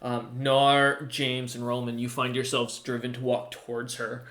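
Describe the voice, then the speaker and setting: A man narrating a tabletop game as game master, improvising in a halting way as he thinks aloud. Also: medium pitch, completely flat delivery, a bit bright.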